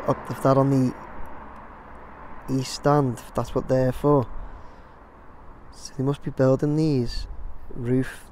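A man with an English accent gives a chatty, rambling vlog commentary on his drone footage, outdoors near a construction site, talking to "guys" watching. His voice is medium-pitched and a little mellow, with slight background noise.

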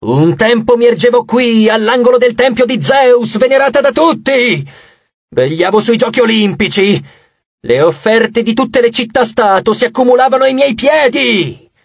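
A man's voice: high-pitched, sing-song, normal speed, husky, dry recording, dull audio, pitched above the performer's own voice, exaggerated voice. A man voicing a frantic, overwrought goddess of victory who shrieks her demands in an audiobook. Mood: proud.

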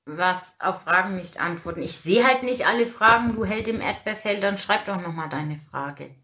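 A woman's voice: mid-range voice, normal speed, pushed and bright. A woman in her forties hosting a casual livestream, outspoken and ranting while reading out viewer comments. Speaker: livestream host.

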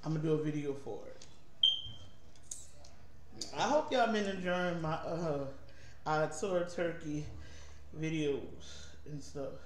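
A woman in her thirties, seated at a table at home, chatting casually as she reviews a meal for her video, with laid-back drawn-out asides. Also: low voice, darkish tone. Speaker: mukbang co-host. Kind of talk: casual food review chat. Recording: echoey room with faint noise.

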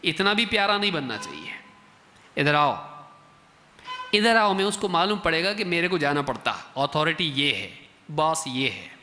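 A man giving a colloquial, lively religious workshop talk, acting out exchanges between parents and children. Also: on the high side, moderate pace, slight background noise. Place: large mosque hall, indoors. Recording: reverberant mosque hall.

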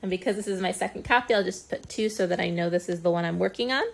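A woman speech-language pathologist giving a casual step-by-step software tutorial, explaining as she clicks, with frequent ums. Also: fairly low pitch, fast, gravelly. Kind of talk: screen-recorded software tutorial.

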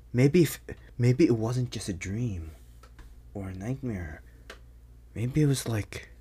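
A young man with a medium-pitched, dark-toned voice performs an ASMR roleplay as a nervous, confused teenager becoming a werewolf. His delivery is a halting, husky half-whisper full of breath.

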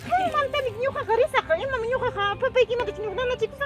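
A rural Andean mother, played by a woman, protective and agitated. Her voice sits very high and runs quick. Music plays under her, in a homemade drama style. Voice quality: high, quick, mixing Quechua and Spanish. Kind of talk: amateur drama acting. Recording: music bed behind.

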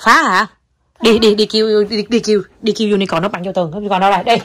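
A mother with a Southern Vietnamese accent talking to her toddler at home, coaxing and gently scolding in a casual chatty way. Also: mid-range voice, steady tone, quick pace, a crowd in the background. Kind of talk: casual home video chat.

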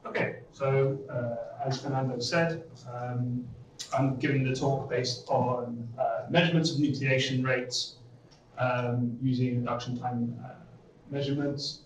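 A man, an application scientist, giving a technical conference talk, steady and full of ums. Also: mid-range voice, measured pace, slight background noise. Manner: steady lecturing with frequent ums. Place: lecture room. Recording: echoey room from far off.

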